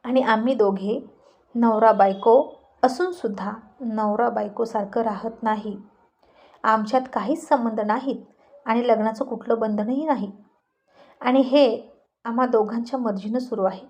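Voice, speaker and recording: A snappy, irritable young husband, played by a woman narrator in a spoken storybook. He sounds curt and impatient and stammers when cornered, in a fairly high voice. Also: measured pace, pauses often, a little mellow. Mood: explaining.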